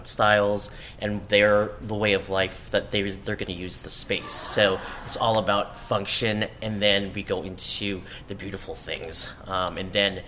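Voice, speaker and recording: A man who works as an interior designer, speaking in a halting way with many fillers on a panel. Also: on the low side, sharp tone, slight background noise. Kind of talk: panel discussion.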